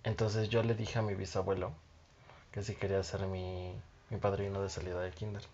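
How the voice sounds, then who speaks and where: A man's voice: low-pitched, normal speed, lo-fi sound, a little hiss or hum. A man, co-hosting a casual podcast, telling stories with lots of laughter and acted-out quotes. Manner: animated storyteller, laughs often, acts out quotes. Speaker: podcast co-host. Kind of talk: casual chat.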